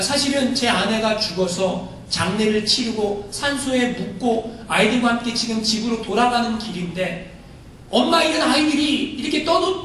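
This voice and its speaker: A humble, grieving widowed father offers a quiet, sorrowful apology, as a preacher puts him on. His voice is very high for a man and rings through a hall with heavy echo. It is picked up from afar, with a faint rumble underneath. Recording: very echoey hall, distant mic, faint rumble.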